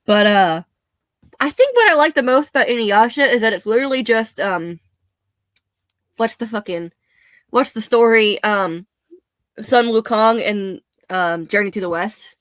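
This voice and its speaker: Slightly hoarse young woman chatting. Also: on the high side, lively intonation, measured pace, pauses often, no room sound. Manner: chatty, laughs often, self-deprecating asides. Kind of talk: casual rambling chat.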